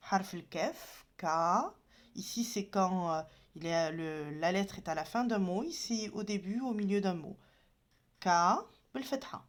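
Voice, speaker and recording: Woman teacher, unhurried, patient, walks through letters one by one while writing. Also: mid-range voice. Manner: patient, spells out each letter and sound. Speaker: Arabic teacher. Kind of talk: slow step-by-step lesson.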